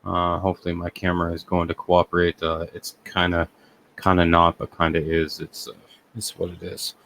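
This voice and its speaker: Male live-sale host, low and monotone, hesitant delivery, light background noise. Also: gravelly, poor audio. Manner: halting, many ums and uhs. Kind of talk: live product selling.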